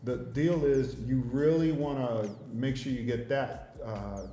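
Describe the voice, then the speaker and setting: A man, a father and host, chatting casually in a measured, halting way with frequent pauses. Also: medium pitch, fairly even intonation, mellow. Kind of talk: casual livestream chat. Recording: roomy echo, faint noise.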